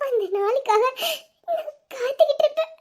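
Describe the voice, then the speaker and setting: A woman's voice: very high-pitched, moderate pace, darkish tone. A woman voicing a shy, affectionate young bride in a romantic audio drama, coy and teasing, then tearful and gushing. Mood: tearful joy.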